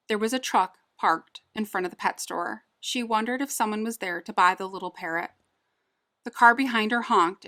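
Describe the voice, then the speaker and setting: A woman reading a cozy mystery audiobook in scripted narration, with steady storytelling delivery. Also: medium pitch.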